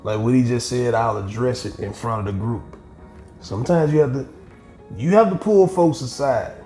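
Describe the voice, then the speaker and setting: A middle-aged man hosting a podcast, talking bluntly with lots of profanity and animated storytelling in casual chat. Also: medium pitch, normal speed. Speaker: podcast host. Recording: echoey room with faint music.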